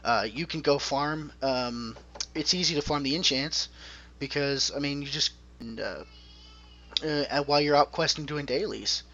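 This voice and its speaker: A man's voice: a little high, normal speed, bright, forceful tone, slight background noise. A man hosting a casual gaming podcast over a conference call, chatty and explaining at length. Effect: conference call line. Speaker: podcast host. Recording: dull lo-fi call audio.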